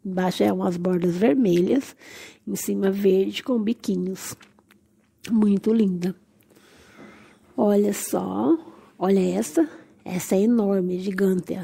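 A woman gushes over each thing she shows in a casual vlog, her voice nasal and congested from a cold. She talks slowly and unhurriedly, with a slightly high pitch and a gravelly fry, and the tone stays dark and mellow. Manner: effusive, gushing exclamations. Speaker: channel host. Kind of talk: casual plant-tour vlog.

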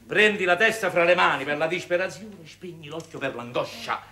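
A man's voice: fairly high pitch, animated, pushed and bright, reverberant, slight background noise. An actor playing a scheming middle-aged man who stages a fake scene of misery, in a stage comedy. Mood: bossy. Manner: bossy, quick, theatrical coaxing. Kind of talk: 1960s Neapolitan stage comedy.

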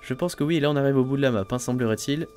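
A man casually commenting on his gameplay as a let's play host, thinking aloud, full of fillers and excited exclamations over each new find. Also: medium pitch, rapid-fire, faint music behind. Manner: chatty, thinks aloud, frequent "hein" and "euh" fillers.

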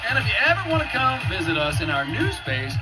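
A man working as a game show announcer, reading out prizes in a booming, hyped delivery. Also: wildly swooping pitch, quick pace, low-quality recording. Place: TV game show studio stage. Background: loud show music.

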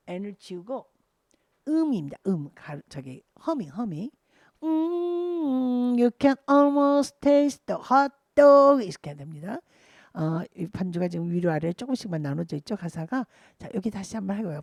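A woman's voice: lowish voice, lively intonation, moderate pace, gravelly, warm tone, breathy edge, dry recording. An older woman teaching a pop-song singing lesson, chatting, counting beats and singing lines to show her class. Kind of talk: singing lesson, explaining and demonstrating lyrics.

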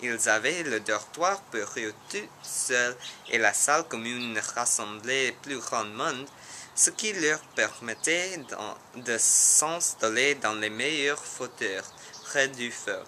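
A teenage American boy, a native English speaker, reading aloud in learner's French with a clear American accent, halting and correcting himself on harder words. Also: mid-range voice, animated, pushed and bright, slight background noise. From United States. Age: teens. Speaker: language student.

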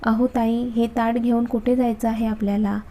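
A woman voicing a gentle young wife who speaks softly and pleadingly. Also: on the high side, little pitch movement, moderate pace, natural voice. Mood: curious.

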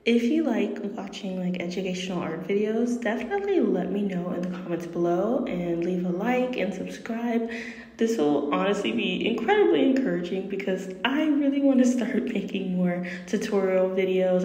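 A woman's voice: mid-range voice, normal speed, dark tone. A woman giving a casual, chatty review voice-over in an effusive, self-interrupting way, recorded in an echoing bathroom. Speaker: video host and painter. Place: small echoing bathroom, indoors. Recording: echoing bathroom, music behind. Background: background music.

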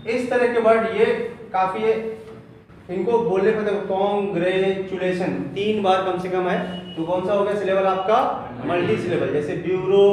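A man teaching a lesson, explaining slowly, repeating terms and spelling words out letter by letter. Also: high-pitched, a little hiss or hum. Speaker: English teacher. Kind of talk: Hindi lesson on English spelling. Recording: very echoey room from far off.

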